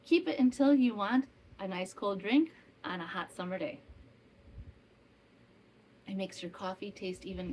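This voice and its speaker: A woman's voice: medium pitch, darkish tone, rough recording. A woman in her fifties from northwestern Wisconsin, hosting a casual chat podcast at home, rambling with asides and self-corrections. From northwestern Wisconsin, US Midwest. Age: 50s. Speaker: podcast host and maker. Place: home in summer heat with a fan running. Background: faint fan hum.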